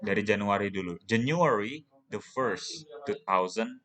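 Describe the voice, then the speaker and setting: A man's voice: lowish voice, unhurried, a crowd in the background. A young male English teacher with an Indonesian accent, patiently explaining a lesson and answering his own questions. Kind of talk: recorded online class lesson.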